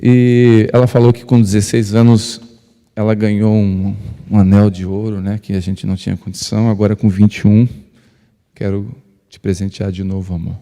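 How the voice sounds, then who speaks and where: A male pastor, telling stories to couples. He speaks loudly by nature, acts out dialogue and jokes with the crowd. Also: lowish voice, little pitch movement, moderate pace. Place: church hall. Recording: long reverb of a church hall.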